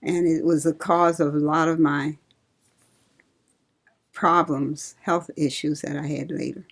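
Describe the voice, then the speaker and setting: An older woman from Ohio, a retired nurse, reminiscing slowly and laughing often in an oral history interview. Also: low voice, fairly even intonation. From Cincinnati, Ohio.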